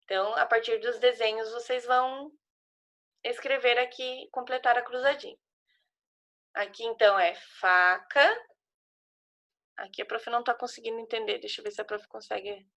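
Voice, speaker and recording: A woman's voice: on the high side, level tone, brisk, fairly bright tone. A woman teacher with a Brazilian Portuguese accent, patiently walking young children through a worksheet and spelling out syllables. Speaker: primary school teacher. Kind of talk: remote class explaining a worksheet to children.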